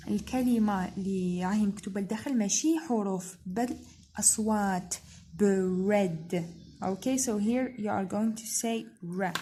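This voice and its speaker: A woman with an Algerian Arabic accent, teaching an English pronunciation lesson. She repeats each sound patiently and slowly, switching between Arabic, French and English. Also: fairly high pitch, warm tone, slight background noise. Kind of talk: spoken language lesson.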